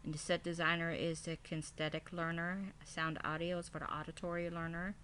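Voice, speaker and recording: Female teacher, low voice, scripted classroom presentation delivered item by item, slightly noisy home-made recording. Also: flat delivery, fairly quick, a bit bright. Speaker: kindergarten teacher. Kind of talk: scripted presentation, reading out a lesson plan.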